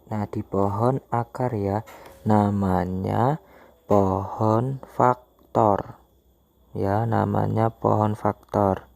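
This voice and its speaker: A man's voice: fairly low pitch, dark tone. A man teaching maths to young children step by step, informal and coaxing, often asking and answering his own questions.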